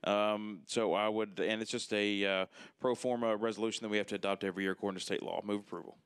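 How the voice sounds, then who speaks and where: A councilman giving a formal committee report in a quick, matter-of-fact way on a handheld mic in a council chamber. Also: on the low side, fairly even intonation, smooth, no echo.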